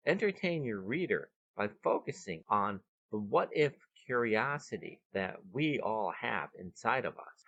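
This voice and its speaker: This scripted short story podcast is hosted and narrated by a man speaking with dramatic emphasis from a bed and breakfast veranda outdoors. There's vocal fry and a breathy edge in his mid-range, somewhat bright voice, and the lo-fi recording carries no room sound.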